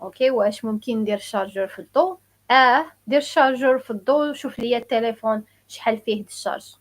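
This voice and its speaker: Woman teaching slang on a live. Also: fairly high pitch. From Morocco. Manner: casual, repeats phrases slowly for learners; answers viewer questions. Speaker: Moroccan Arabic teacher. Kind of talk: live-stream language lesson.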